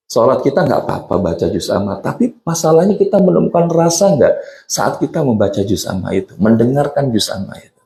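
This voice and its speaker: A man's voice: mid-range voice, sing-song, a little fast, gravelly, mellow. Middle-aged man preaching in echoey mosque. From Indonesia. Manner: asks the congregation questions, mixes in English phrases. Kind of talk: sermon.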